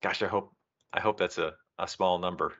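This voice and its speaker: This low-pitched man talks at normal speed with fairly even intonation and a fairly bright tone. A documentation team member, he's presenting technical material to a user group remotely from indoors, and his video call microphone gives slightly dull sound.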